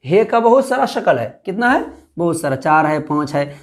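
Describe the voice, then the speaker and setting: A man's voice: on the high side, big pitch swings, moderate pace. A man teaching an online alphabet lesson. He recites the letter names one by one, repeats his points and quizzes the viewer to check they follow. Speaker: Urdu teacher.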